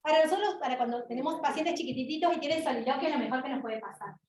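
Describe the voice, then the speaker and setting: High-voiced argentine lady lecturing, roomy hall, mic kinda far off, quizzes the crowd. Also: racing, a little hiss or hum. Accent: Argentine Spanish. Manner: animated, asks the audience questions. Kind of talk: university talk to an audience.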